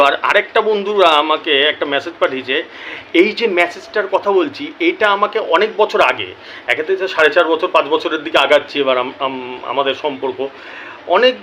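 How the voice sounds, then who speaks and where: A chatty Bengali man with a bright, forceful voice pitched a little high, talking casually to his viewers and clearing a troubled throat now and then. He keeps checking in with his listeners and sounds apologetic. A faint hiss of background noise sits under him. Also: low-quality recording. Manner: chatty, repeats "ঠিক আছে?", apologetic. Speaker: lottery result channel host.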